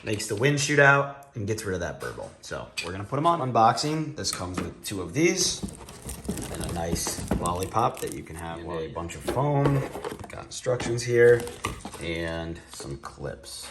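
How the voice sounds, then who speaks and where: Man, low voice, casual how-to narration, working while talking, faint background noise. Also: measured pace. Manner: talking while working with his hands, relaxed and matter-of-fact. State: talking with a lollipop in his mouth. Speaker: car owner doing an install video.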